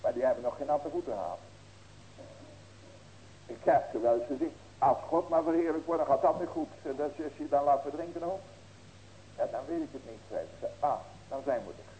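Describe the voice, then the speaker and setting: A man's voice: on the high side, moderate pace, warm tone, a little hiss or hum, rough recording. A man in his sixties preaching as a pastor, earnest and folksy, with rhetorical questions and emphatic ringing cries. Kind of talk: sermon.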